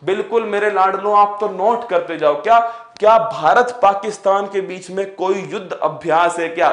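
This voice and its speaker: A man's voice: high-pitched, moderate pace, a bit bright. A man teaching an exam-prep lecture with energy, firing rhetorical questions and calling his students playful pet names. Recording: echoey room.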